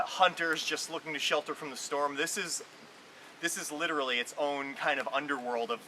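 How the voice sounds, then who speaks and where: A man's voice: on the high side, bright, forceful tone, a little hiss or hum, poor audio. A man chatting casually and with awe as he explores a cave as an amateur caver. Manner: awed, marveling. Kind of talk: casual exploration vlog chat. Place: in and around a small marble cave.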